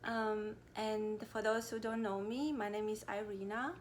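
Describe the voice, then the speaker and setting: A woman in her thirties, originally from Romania, talking to her viewers in a casual personal vlog, pausing often with fillers. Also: medium pitch, fairly even intonation, slight background noise. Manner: hesitant, many pauses and fillers. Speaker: vlogger. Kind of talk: casual personal talk to camera.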